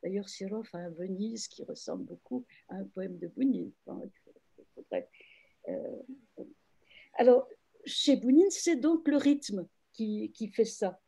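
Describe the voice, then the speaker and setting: A woman literary translator explaining her work in an online panel discussion, reflective and hesitant, with frequent pauses and restarts. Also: mid-range voice, creaky, mellow, slightly rough. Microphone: video call.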